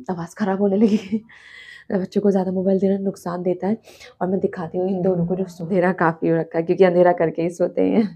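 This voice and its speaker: A woman hosting a casual family vlog from home, talking softly and slowly so she won't wake the sleepers. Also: lowish voice, little pitch movement, breathy edge. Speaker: family vlogger. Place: home, indoors.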